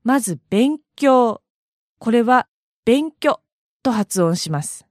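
A woman from the Kansai region with a Kansai accent, hosting an audio blog and narrating a scripted lesson with slow, careful enunciation of example words. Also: a little high, animated, a little mellow, no echo, studio quality. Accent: Kansai Japanese. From Kansai, Japan.

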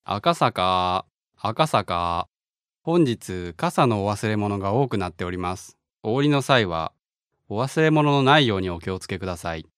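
A man's voice: on the low side, animated, a little slow, a bit bright, clear, resonant tone, no echo, clean studio sound. A man voicing a polite subway conductor who makes formal train announcements in a lesson dialogue. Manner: formal, courteous announcer phrasing.

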